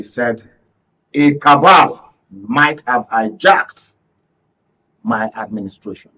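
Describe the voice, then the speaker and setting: A Nigerian-accented man, a conflict reporter sitting as a panel guest in a radio and TV studio discussion, delivers emphatic, rhetorical political commentary and keeps checking that listeners follow. His voice is medium in pitch and a bit bright, though the recording sounds muffled.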